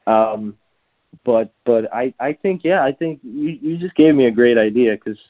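A man's voice: mid-range voice, expressive. A man talking casually about menswear in a podcast conversation, stopping and restarting his sentences often. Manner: halting, many restarts and fillers. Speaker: customer service at a trouser maker. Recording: tinny phone-like line.

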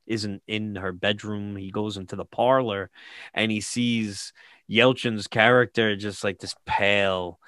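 A man casually retelling a film plot with lots of fillers and animated asides. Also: lowish voice, unhurried, clear, resonant tone, no echo, clean studio sound.

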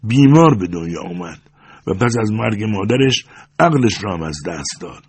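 A man voicing an emotional, passionate middle-aged merchant in an audiobook, with a loud, hoarse voice that swings between shouting and pleading. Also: on the low side, expressive. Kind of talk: audiobook character voice.

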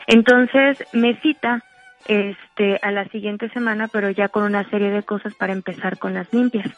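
A woman's voice: mid-range voice, fairly even intonation, normal speed. A woman with a Mexican accent, calling in to a radio show and telling a personal story at length, full of fillers. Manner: meandering, many fillers. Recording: dull radio broadcast, faint music.

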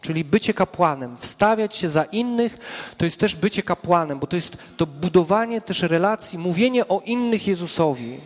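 A man with a notably high voice delivers an earnest sermon mixed with prayer. He slows down and drops low to stress his points. The sound carries a long reverb, as in a large hall. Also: animated. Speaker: preacher.

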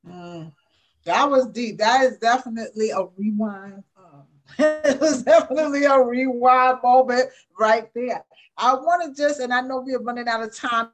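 A woman's voice: medium pitch, poor audio. A woman hosting a casual conversation, reflective and thinking aloud with frequent fillers. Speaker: host. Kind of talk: casual chat.

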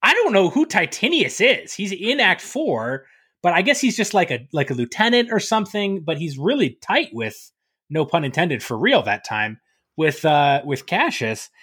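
A man co-hosting a casual podcast chat about a play, talking in lively bursts and reading verse aloud with loud drama. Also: sits high, normal speed, slightly rough. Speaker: podcast co-host.

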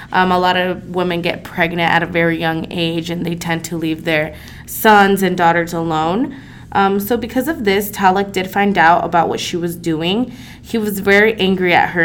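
A young woman from El Salvador, a podcast co-host, telling folk legends in a casual, conversational way with many fillers. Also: lowish voice. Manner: conversational, frequent um and you know fillers. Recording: faint background noise.

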